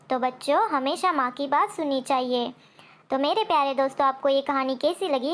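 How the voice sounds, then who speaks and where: A woman narrating a children's cartoon story in a simple, sing-song way. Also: sits high.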